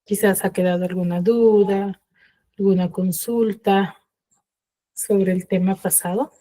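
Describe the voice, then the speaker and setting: Over a video call, a female teacher walks her online class through a grammar point one step at a time, frequently asking "¿sí?" to check in. She speaks at a measured pace in a mellow, steady, medium-pitched voice.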